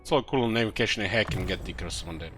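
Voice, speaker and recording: Casual male gamer commentator, lower register, halting think-aloud delivery, clear music underneath. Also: sharp tone. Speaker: gamer commentating own play.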